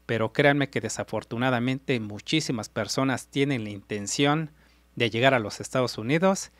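With a fairly bright, medium-pitched voice at normal speed, this middle-aged Mexican vlogger reacts earnestly to content, going over his points again and again and speaking directly to viewers. His setup is a large desk mic with in-ear monitors in an indoor room with a city backdrop; there's no room sound.

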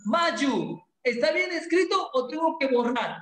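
A male English teacher quizzes his students in a playful, animated way. His pitch moves a lot while his pace stays slow and deliberate. The room echoes around him. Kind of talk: classroom lesson.

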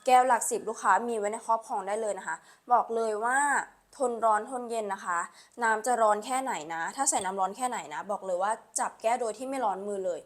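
A woman selling on a live stream, with a repetitive, urging sales pitch full of polite particles. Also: fast, few pauses. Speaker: live-stream online seller.

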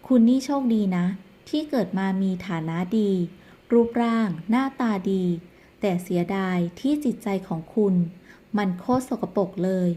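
A stern young man lecturing a spoiled woman about her dirty heart, spoken slowly and firmly, as a woman narrator reads him in a drama recap. The voice is mellow and low-key, a plain storyteller's reading rather than a full performance. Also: lightly acted.

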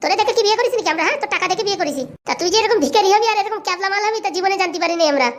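A woman voicing a quarrelsome cartoon wife who keeps scolding and insulting. Her voice is very high and she rattles along very fast. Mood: angry.

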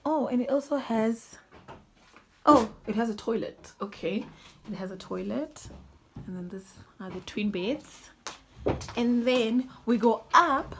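A young woman talks her way slowly through a holiday lodge on her phone camera, gushing over each room. Her voice sits a little high, and her words come unhurried and drawn out. A faint hiss runs under the sound. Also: animated. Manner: chatty, easily delighted, gushing. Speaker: vlogger. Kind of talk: casual house-tour narration. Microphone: handheld phone camera.

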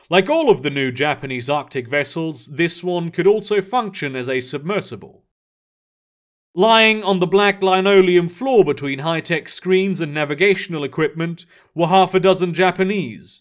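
Male narrator, audiobook reading, lively intonation, slightly high voice.

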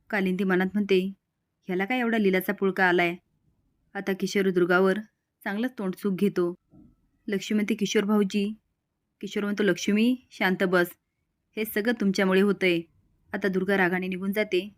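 A woman's voice: mid-range voice, flat delivery, normal speed, pauses often. A woman narrating a recap of a TV serial episode and reading out each character's quoted lines in turn.

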